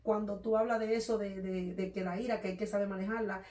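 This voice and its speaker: Loud, quick Dominican woman in an echoey room. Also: medium pitch, recorded from a distance. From Dominican Republic. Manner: loud, fast, animated talker. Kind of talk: casual conversation about faith and emotions.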